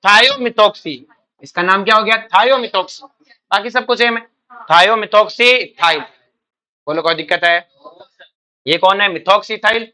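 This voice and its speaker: A man's voice: sits high, slow pace, pauses often, pushed and bright. A male chemistry teacher, coaching exam students by firing questions and repeating the answers back. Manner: quizzing students, calling them "beta", repeating answers. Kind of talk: coaching lecture with call-and-response.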